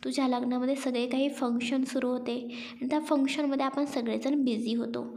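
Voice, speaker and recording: A woman's voice: sits high, level tone, a little fast, vocal fry, dark tone. A woman voicing a friendly young man coaxing his friend to stay.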